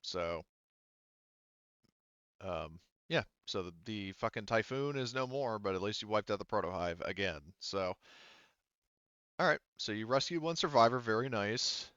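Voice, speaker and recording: A game master with a low, clean, smooth voice improvises narration for a tabletop roleplaying game, casually and haltingly thinking aloud, yet sounding animated, pushed and bright. The dry recording is close and a little dull.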